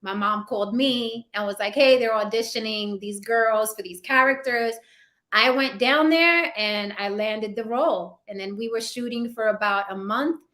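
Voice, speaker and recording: Here an actress and YouTuber of Puerto Rican background talks in a fairly bright, high-leaning voice at an ordinary pace. Being interviewed, she's casual and lively, stressing points by repeating words and checking in with "right?".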